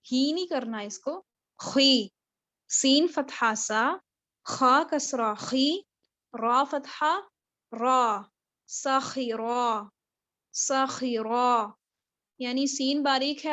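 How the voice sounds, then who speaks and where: A woman with a Pakistani accent teaching a recitation class online. She spells out and repeats syllables slowly and patiently. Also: high-pitched, fairly bright tone. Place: home room on a video call. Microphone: video call mic. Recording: dull lo-fi video call audio.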